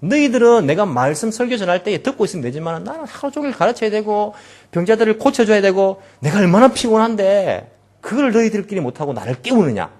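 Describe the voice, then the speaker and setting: A man's voice: sits high, big pitch swings, quick pace, darkish tone, pitched above the performer's own voice. A man playing a tired, irritated male teacher who scolds his followers in an exasperated tone. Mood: exasperated scolding.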